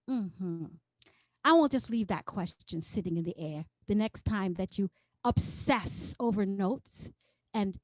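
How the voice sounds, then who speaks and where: A woman's voice: medium pitch, no room sound, poor audio. A woman teaching rhythm in an online choral workshop, talking with a playful, coaxing energy and counting beats for her group. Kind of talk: interactive online music workshop. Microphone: video call.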